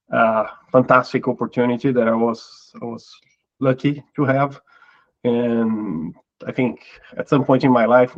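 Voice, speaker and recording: A man's voice: mid-range voice, muffled recording. A middle-aged Brazilian man with a Portuguese accent, a guest in an interview who talks thoughtfully and often repeats words as he restarts a phrase. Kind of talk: casual interview talk.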